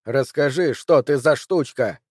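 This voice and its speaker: A man voicing an enraged, violent man with a rough, hoarse voice, snarling as he reads an audiobook. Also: mid-range voice, unhurried, no room sound, studio quality. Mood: menacing. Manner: snarling, spitting rage.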